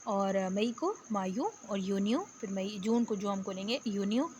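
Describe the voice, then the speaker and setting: A woman teacher giving a spoken lesson, patient, explaining step by step and repeating words slowly. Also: mid-range voice, darkish tone, slight background noise. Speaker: Arabic teacher. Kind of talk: spoken lecture.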